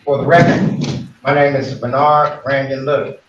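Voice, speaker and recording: A man's voice: medium pitch, flat delivery, normal speed, recorded from a distance, noisy background. A man standing as defendant in court, insistent and argumentative, heard on a courtroom recording. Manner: insistent, argumentative, repeats himself. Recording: dull, echoey courtroom audio from afar.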